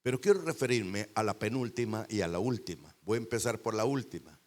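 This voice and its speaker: A male pastor preaching a sermon into a handheld microphone in a church, rising to loud bursts and dropping into quiet pauses. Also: on the low side, expressive. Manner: preaching with sudden loud swells and dramatic pauses.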